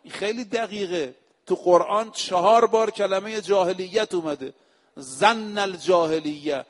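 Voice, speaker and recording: Male preacher, sermon, high-pitched, slow emphatic recitation, addresses the audience, reverberant hall. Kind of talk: religious sermon.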